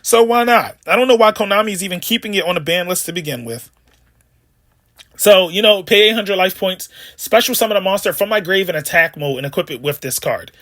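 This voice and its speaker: A man with a high, bright voice rambles through a casual card game deck breakdown, cracking jokes and wandering into asides. The sound is close and dry, with no room around it. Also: lively intonation, brisk, no room sound. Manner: rambling, chatty, jokey asides. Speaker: card game video host. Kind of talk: casual deck profile commentary.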